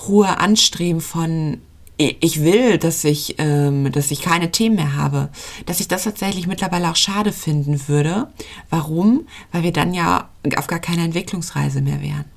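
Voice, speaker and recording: A woman's voice: lowish voice, a little slow, vocal fry. A woman coaching on intuitive eating in a podcast monologue, earnest and pleading as she speaks straight to the listener.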